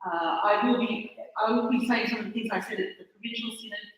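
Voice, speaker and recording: A conference speaker from Australia, speaking with an Australian accent at a quick pace in a mid-range voice, gives a chatty talk that pokes fun at herself and halts and restarts. The distant mic picks her up in an echoey hall.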